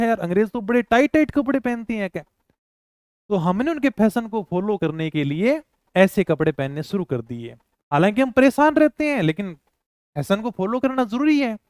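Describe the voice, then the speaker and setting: A man's voice: sits high, darkish tone, clear, resonant tone, dry recording, clean studio sound. A male teacher giving an exam-prep lecture. He repeats each term several times and asks and answers his own questions.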